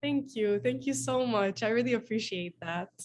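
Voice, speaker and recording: A woman hosts an interview over a video call, speaking in an encouraging, admiring way. Her voice sits a little high, with fluent native English. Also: a little fast, a little hiss or hum. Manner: encouraging and full of praise. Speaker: interview host.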